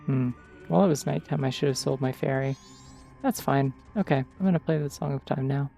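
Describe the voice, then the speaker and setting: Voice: medium pitch, steady tone, brisk, vocal fry, warm tone, soft background music. A streamer giving casual gameplay commentary late at night, tired, rambling with lots of "like" fillers.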